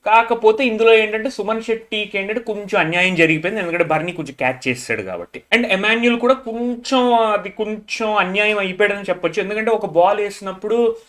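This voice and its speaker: A man's voice: fast, a bit bright. A man giving a frank, opinionated review, mixing in English phrases. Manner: frank, mixes English phrases, mimics people in low mocking voice. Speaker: show reviewer. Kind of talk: casual opinionated review monologue.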